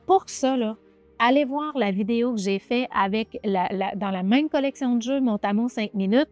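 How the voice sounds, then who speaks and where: A woman's voice: on the high side, faint music behind. A woman remedial teacher with a Quebec French accent, explaining a reading exercise to viewers and sounding out syllables, checking in often. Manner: animated, addresses viewer directly with many check-ins; sounds out letters and syllables slowly. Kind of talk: teaching demonstration video.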